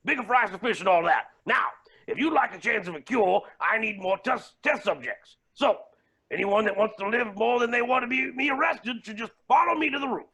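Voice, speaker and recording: A man's voice: high voice, fairly quick, bright, forceful tone, breathy edge, exaggerated voice. A man playing a scheming, gleeful villainous billionaire with theatrical, posh exclamations in a tabletop game. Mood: gloating.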